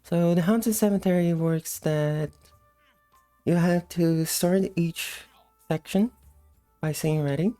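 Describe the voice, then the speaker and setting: A woman giving casual, unhurried gameplay commentary in a sleepy, just-woke-up morning voice. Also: lowish voice, warm tone, soft background music. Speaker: gameplay host.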